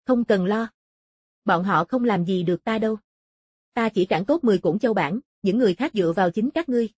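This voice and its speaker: Woman reading as a calm, unyielding young male fighter, husky. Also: mid-range voice, a little fast, dry recording, clean studio sound, close to an everyday voice. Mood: calm assurance. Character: calm, defiant young male martial-arts prodigy. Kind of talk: audiobook character dialogue.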